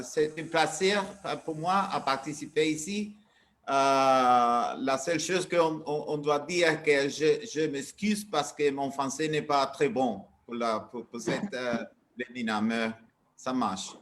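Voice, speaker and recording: A man with a Cuban Spanish accent speaking French haltingly as a webinar panelist, searching for words. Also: mid-range voice, a bit bright. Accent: foreign, Spanish-speaking Cuban accent in French. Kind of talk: webinar introduction remarks.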